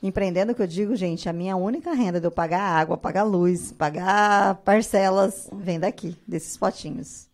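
A woman's voice: mid-range voice, normal speed, hardly any pauses. A woman from Brazil in her thirties chats as a podcast guest. She tells her stories with energy and puts on a raised voice when she quotes others. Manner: animated storyteller, acts out quotes in a raised voice. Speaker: guest, artisan biscuit maker. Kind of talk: casual podcast interview.

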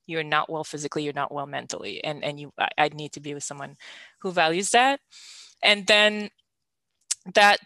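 This podcast host from Belgium has a low-pitched, sharp-toned voice and talks at a normal speed. In a candid personal conversation about her love life, she laughs frequently and restarts sentences. There's no echo.

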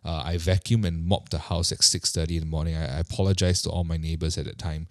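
A man's voice: deep voice, flat delivery, fast talker, no room sound, clean studio sound. A man in his thirties telling a personal story in a chatty, self-deprecating way, often repeating words as he restarts.

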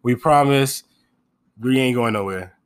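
A man co-hosting a podcast, telling travel stories in a casual, profane, animated way and laughing often. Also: medium pitch, unhurried, clear, resonant tone. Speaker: podcast co-host. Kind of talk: casual chat.

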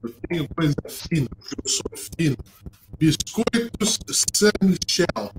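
A man's voice: on the high side, very animated, a little slow. A man joking around as co-host on a live online chat, his voice coming through a video call that keeps cutting in and out. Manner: joking, playful banter. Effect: choppy online audio, sound cutting in and out. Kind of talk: casual chat. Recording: noisy, choppy video-call audio.

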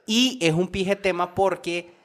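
A man's voice: sits high, a little slow. Rambling young man. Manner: loose and rambling, slangy, with many restarts. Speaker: podcast co-host. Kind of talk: casual chat.

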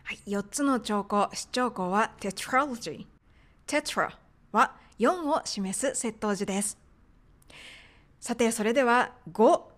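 A woman teaching medical English pronunciation in a polite, explanatory podcast lesson. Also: fairly high pitch.

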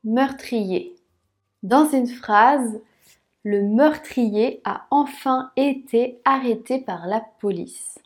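A woman teaching French pronunciation, repeating words slowly syllable by syllable. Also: fairly high pitch. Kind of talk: slow, careful pronunciation lesson.

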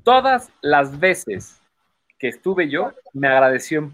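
A man's voice: fairly high pitch, slow, no room sound. A man with a Mexican Spanish accent, telling stories in casual chat and acting out the voices of the people in them. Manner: animated storyteller acting out voices, laughing. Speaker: guest magician telling stories.

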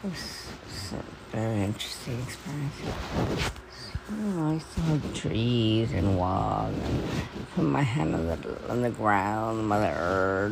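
A woman with toothless, gummy articulation, as if gumming soft food, rambling in a halting, repetitive, confiding monologue. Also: very deep voice, creaky, noisy background. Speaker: personal podcaster. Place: at home.

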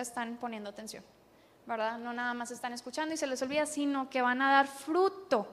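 A woman's voice: sits high, a bit bright. A woman preaching a sermon, teaching her listeners and asking them questions, with frequent restarts. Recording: long hall reverb with faint music.

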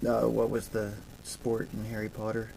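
A man with a low, gravelly voice chatting on a podcast. He rambles and gropes for words, filling gaps with ums and uhs. Faint background noise runs under him. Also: completely flat delivery, moderate pace, dark tone, low-quality recording. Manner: rambling, searching for words with many fillers. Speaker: podcast co-host. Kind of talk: casual chat.

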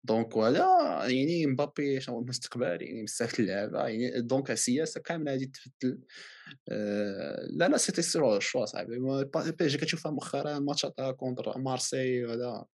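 Fast-talking Moroccan man. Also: mid-range voice. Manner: mixes in many French phrases. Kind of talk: casual football debate.

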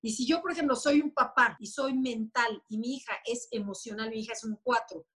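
Lady, kinda high husky voice, chatting away about personality types, acts out lines. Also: brisk. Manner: animated, acts out quoted voices. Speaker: enneagram expert guest. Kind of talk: explanatory conversational talk.

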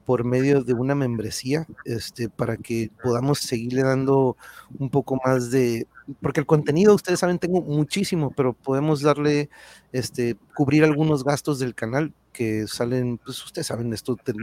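A man's voice: mid-range voice, normal speed, darkish tone, no echo. A man with a Mexican accent chatting casually to livestream viewers as channel host, slangy and thankful in the way he talks.

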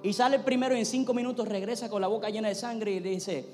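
A man's voice: sits high, fairly even intonation, fast, a little mellow. A male pastor preaching a sermon and praying fervently from the pulpit, his delivery building in intensity. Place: church sanctuary. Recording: long hall reverb, faint music.

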